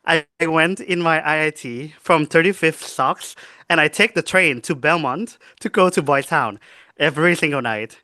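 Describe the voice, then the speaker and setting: A young man, co-hosting a podcast in casual chat, telling stories in a lively way with many fillers. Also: fairly high pitch, normal speed, no echo. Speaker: podcast co-host.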